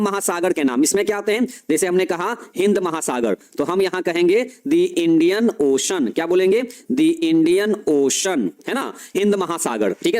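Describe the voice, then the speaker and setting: A man's voice: sits high, darkish tone. A man teaching a grammar lesson for board exams in speech, explaining patiently and checking in with his students after every example.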